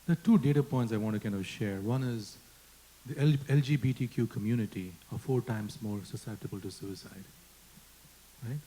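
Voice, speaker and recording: A man's voice: on the low side, normal speed, warm tone, breathy edge, low-quality recording. A man with an Indian accent moderating a panel discussion, earnest and often tagging "right?" onto his points. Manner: earnest, asks rhetorical questions with "right?".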